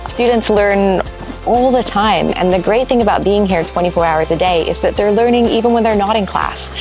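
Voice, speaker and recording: A woman's voice: medium pitch, moderate pace, darkish tone, low-quality recording. Upbeat woman promoting a summer camp. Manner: upbeat, polished and persuasive. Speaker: language school staff. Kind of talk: promotional talk to camera. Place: outdoors on a university campus. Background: faint music.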